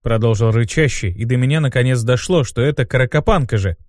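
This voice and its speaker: A man reading a first-person audiobook in a steady, measured way. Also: medium pitch, no room sound, clean studio sound. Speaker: audiobook narrator.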